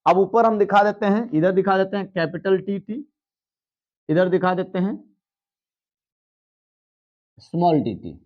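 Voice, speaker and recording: Guy teaching biology at a board, highish voice, goes step by step, kinda dull lo-fi sound. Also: unhurried, long pauses. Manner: explains step by step, checks in with students. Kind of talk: blackboard lesson.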